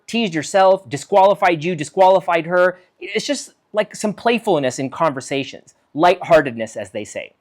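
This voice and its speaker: A male physician gives a solo talk on conversation skills, reading from notes and animatedly acting out example lines. His pitch swings lively, rising and falling freely.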